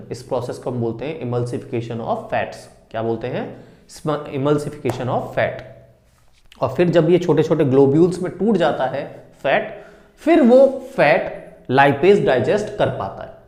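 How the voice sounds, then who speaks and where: Man teaching science in a high, echoey voice. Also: darkish tone. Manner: asks the class questions and answers them himself, repeats key terms. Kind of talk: explanatory classroom lecture. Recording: echoey room.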